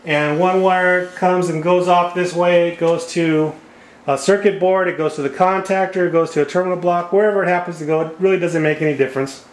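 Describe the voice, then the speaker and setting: Brisk and fairly even in intonation, a man with a high-sitting voice sketches on a whiteboard and explains HVAC wiring step by step. He's an HVAC repair instructor at a whiteboard table in an indoor room, captured by an overhead camera with an echoey sound.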